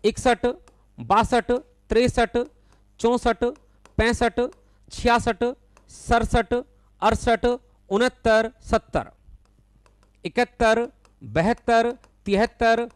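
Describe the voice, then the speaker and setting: A male maths teacher running a live online class, calling on students by name, correcting their answers bluntly but patiently, and counting numbers aloud in a steady rhythm. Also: extremely high pitch, very slow, long pauses, clear, resonant tone, no echo. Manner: calls students by name, affectionately addresses them as son.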